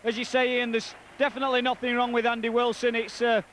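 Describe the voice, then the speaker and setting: A man's voice: extremely high pitch, level tone, fast, a bit bright. A man giving live commentary on a rugby league match. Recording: outdoor match noise behind commentary. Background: stadium ambience, whistling crowd.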